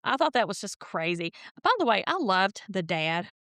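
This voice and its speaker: A woman's voice: mid-range voice, very animated, normal speed, a bit bright, dry recording, clean studio sound. A woman co-hosting a podcast, chatting casually and laughing often as she tells stories. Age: older than her co-host. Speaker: podcast co-host. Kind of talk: casual chat.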